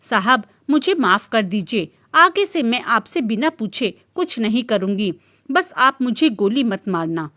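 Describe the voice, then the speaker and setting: A woman's voice: a little high, big pitch swings, a little slow, pushed and bright, full character voice. A woman voicing a timid, innocent young woman who speaks hesitantly and pleadingly in a storybook reading. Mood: fearful.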